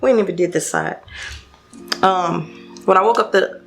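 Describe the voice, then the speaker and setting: A young woman and beauty vlogger, her voice fairly low and her pace normal, tells her viewers a personal story while doing her makeup. She's casual and chatty, full of fillers and restarts.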